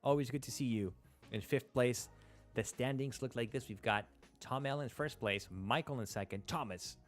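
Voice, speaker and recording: This is a Spanish-first-language man in his thirties hosting a live stream, giving casual, hesitant commentary while playing and thinking aloud with many fillers and restarts. He speaks at a medium pitch and normal speed over faint music. The setting is a small room at a desk, with a close studio mic on a stand.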